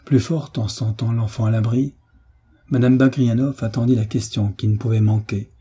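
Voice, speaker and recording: A man narrating an audiobook in French in a measured, steady reading. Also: medium pitch, breathy edge. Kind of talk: scripted narration.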